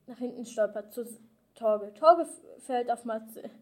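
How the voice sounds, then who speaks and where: A woman's voice: a little high, unhurried, a little mellow. A young female storyteller reading her own story aloud, stumbling and correcting herself as she goes. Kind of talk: reading a self-written story aloud, acting out the characters.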